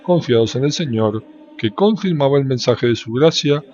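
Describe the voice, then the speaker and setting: A man giving a measured, solemn scripture reading that lifts into a sung lilt at the ends of phrases. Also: mid-range voice, expressive, darkish tone. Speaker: Bible reader. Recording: dull, lo-fi with faint background noise.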